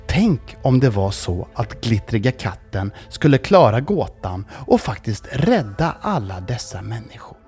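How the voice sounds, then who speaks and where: A narrator telling a children's adventure story, playful and expressive. The voice moves up and down in a lively way. Soft music plays faintly in the background. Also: medium pitch.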